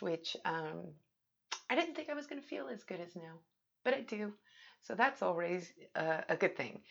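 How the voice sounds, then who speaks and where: A low-pitched woman talks casually as a solo podcast host, chatty and self-deprecating. The recording is dull and lo-fi, made in a home bathroom. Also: fairly bright tone.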